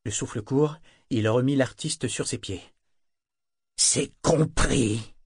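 A man reading a fantasy novel aloud in steady, scripted narration. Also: medium pitch, moderate pace, no room sound, clean studio sound. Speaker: audiobook narrator.

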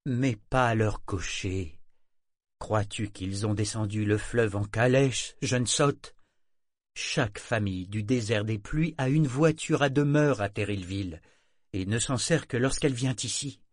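A man voicing a stern elderly grandmother who speaks gravely and deliberately in an audiobook. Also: lowish voice, no room sound, clean studio sound. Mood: scolding.

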